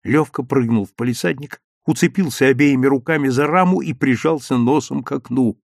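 A man narrating a children's story with lively, expressive delivery. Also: medium pitch, fairly quick, gravelly, dry recording, studio quality.

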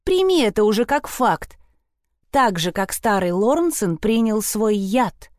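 Woman narrator as a vain, defiant schoolgirl in a storybook, haughty and lively. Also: mid-range voice, a little slow, no room sound, clean studio sound. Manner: haughty, provocative. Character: vain, defiant teenage girl.

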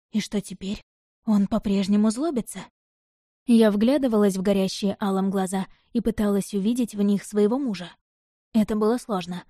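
A woman narrating a first-person audiobook in an even, measured storytelling manner. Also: medium pitch, no echo, clean studio sound.

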